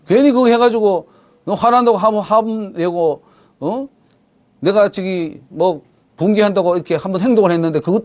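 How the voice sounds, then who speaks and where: A man preaching a sermon as a pastor, animated and swinging from loud to hushed. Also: high voice.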